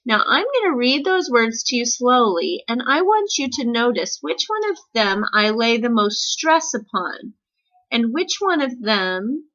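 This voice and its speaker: Slow, bright-voiced woman teaching music. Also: a little high, lo-fi sound. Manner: patient, step-by-step explaining with frequent "okay?" checks. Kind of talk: recorded music lesson.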